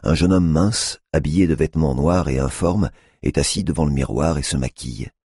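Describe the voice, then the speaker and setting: A man narrates a novel in a steady, even reading voice. His voice sits extremely low and has a husky grain. The sound is dry and close, with no room around it. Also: no room sound. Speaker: audiobook narrator. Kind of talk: scripted narration.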